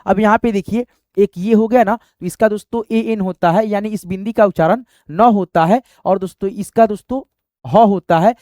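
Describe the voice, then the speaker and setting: A man's voice: high voice, steady tone, moderate pace, darkish tone, no echo, clean studio sound. A man teaching a language lesson, repeating himself and often checking with "okay" and "friends".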